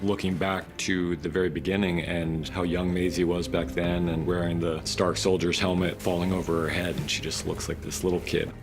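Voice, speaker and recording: Low-voiced man, behind-the-scenes commentary. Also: little pitch movement, moderate pace, few pauses, music in the background. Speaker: series creator commenting on episode.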